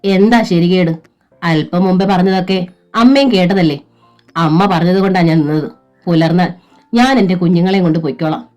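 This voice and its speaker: A woman voicing a wronged young wife and mother who speaks quietly but firmly. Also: fairly low pitch, normal speed, faint music behind, lightly acted. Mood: defiant. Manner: quiet, firm.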